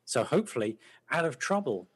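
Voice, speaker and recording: A man's voice: mid-range voice, sing-song, a little fast, husky. A man playing in a tabletop game, chatting casually in a dry, joking manner. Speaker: player. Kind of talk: casual chat.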